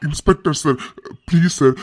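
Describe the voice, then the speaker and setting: A man's voice: a little high, moderate pace, a little mellow, lightly acted. A man voicing a rich middle-aged father in a cartoon who begs and stammers, anxious to save his daughter. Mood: pleading. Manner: begging, stammering, repeats "sir" anxiously. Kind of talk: cartoon voice dubbing.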